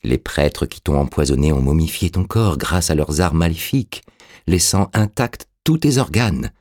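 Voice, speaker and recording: A man's voice: low-pitched, lively intonation, normal speed, a little mellow, husky, no echo, clean studio sound. A man voicing an intense, commanding male sorcerer-priest who speaks in urgent, insistent exclamations in an audiobook reading. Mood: fervent.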